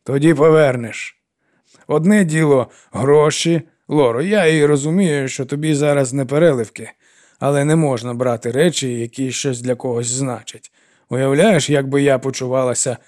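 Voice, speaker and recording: In an audiobook, a man voices an older woman, a stern yet kindly widow who scolds and mothers a troubled girl. He lightly acts the part, pitching his voice fairly high, above his natural range, with a darkish tone and a moderate pace, and the mood is stern.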